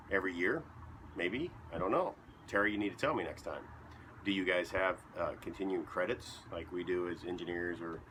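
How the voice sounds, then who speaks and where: A man with a fairly low, bright-edged voice rambles casually in deadpan fashion, tossing in joking asides. He chews as he talks from his basement, with a faint hum of ambience behind him. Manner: talks while chewing. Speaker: vlogger. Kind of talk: casual rambling monologue to camera.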